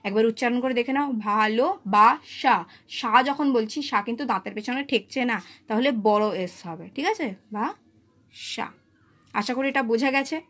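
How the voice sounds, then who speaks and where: A woman with a slightly high voice teaches pronunciation, drilling single syllables one at a time. She records herself on a phone held in one hand. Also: a little fast. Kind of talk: phonetics lesson.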